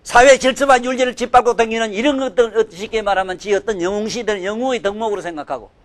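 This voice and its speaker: An older man giving a sermon, scolding and emphatic, swinging from loud outbursts to low mutters. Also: fast. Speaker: Buddhist dharma teacher.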